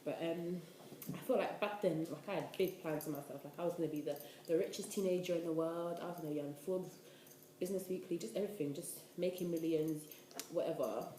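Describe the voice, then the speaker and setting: A young woman talks to the camera in a loose, rambling vlog style, leaning on "like" as she goes. Her voice sits a little low and mellow. The room around her is echoey. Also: brisk, a little hiss or hum. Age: 20s. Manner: chatty, rambling, lots of "like". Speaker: vlogger. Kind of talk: casual talking-head vlog.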